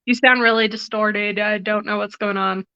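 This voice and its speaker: A woman's voice: medium pitch, steady tone, normal speed, gravelly, pushed and bright. A woman co-hosting a casual watch-along chat, blunt and swearing casually, on lo-fi call audio. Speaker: co-host.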